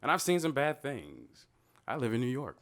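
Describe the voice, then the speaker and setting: A man in his thirties talking casually about his artwork, animated and digressive, often quoting voices as he tells stories. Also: mid-range voice, normal speed. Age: 30s. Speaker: artist talking about his own work. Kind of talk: gallery talk, casual storytelling.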